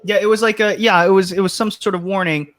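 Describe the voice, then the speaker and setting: Male show host, casual panel chat, a touch high-voiced, loose and rambling delivery. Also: fairly even intonation, fast talker, a bit bright. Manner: rambling, restarts, reads chat comments aloud.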